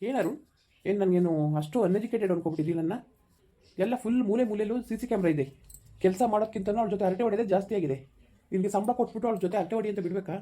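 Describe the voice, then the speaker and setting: A woman's voice: mid-range voice, rapid-fire, mellow, lightly acted. A woman playing a stern middle-aged male office boss who lectures and scolds an employee in a village skit. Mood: scolding.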